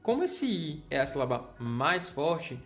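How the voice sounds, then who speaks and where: Man teaching, higher-pitched voice. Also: very animated, unhurried, a bit bright, faint music behind. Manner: explanatory, checks in with the viewer. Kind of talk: grammar lesson.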